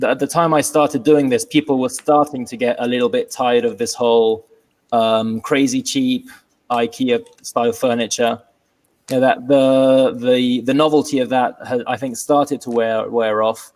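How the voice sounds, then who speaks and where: A man's voice: mid-range voice, unhurried. Laid-back man with a London accent. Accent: British, London. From England. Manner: relaxed, hesitant with many ums, wry humor. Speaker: guest, furniture maker. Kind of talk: casual video-call interview. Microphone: video call.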